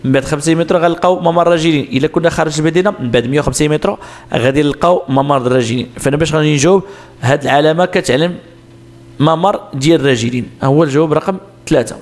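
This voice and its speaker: A man's voice: fairly high pitch, very fast. A man with a Moroccan Arabic accent explaining road sign exam answers step by step, asking questions and answering them himself. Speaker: driving instructor.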